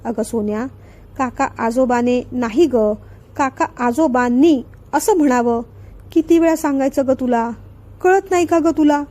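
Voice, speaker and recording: A woman reading the lines of a gentle, doting young father in a storybook reading. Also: sits high, expressive, moderate pace. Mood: coaxing. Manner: soft coaxing tone.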